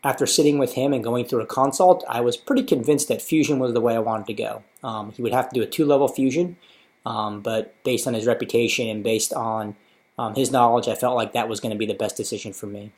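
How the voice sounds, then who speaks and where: This fairly quick, slightly mellow mid-range voice belongs to a man in his thirties with an American accent. As a patient, he recounts his surgery experience casually and matter-of-factly in an informative personal video diary.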